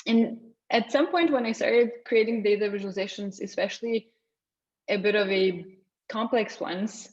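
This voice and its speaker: A woman's voice: medium pitch, normal speed, a little mellow. A young woman from Lithuania giving a conversational talk at an online meetup, often restarting her sentences. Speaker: guest speaker. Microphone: video call. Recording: slightly dull video call audio.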